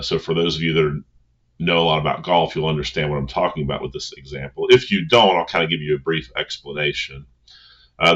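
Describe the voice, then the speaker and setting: Male coach, low and forceful, earnest and conversational motivational delivery, slightly lo-fi. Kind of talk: informal motivational talk.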